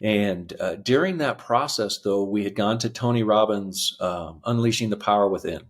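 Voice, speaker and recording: Man, 50s, earnest storyteller, low voice, many ums and pauses. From United States. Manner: earnest, halting with many fillers. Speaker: podcast guest. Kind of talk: reflective personal storytelling.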